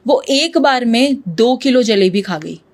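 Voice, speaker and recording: A woman's voice: a little high, expressive, a little slow. A woman guest in an interview, telling a true ghost story in a vivid way and slipping English words into her Hindi. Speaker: podcast guest.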